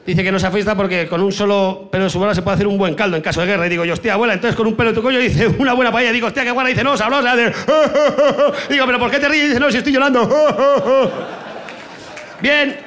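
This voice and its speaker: A man from Spain doing a crude stand-up comedy monologue on stage, with brash punchlines and sudden shouted sound effects. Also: high voice, steady tone, racing, few pauses.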